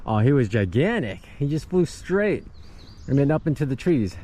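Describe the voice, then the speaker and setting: A fifty-year-old thru-hiker, worn out from the trail, chats casually into his camera on a forest path and laughs often. His mid-range voice swings widely in pitch at a normal speed, with a warm tone.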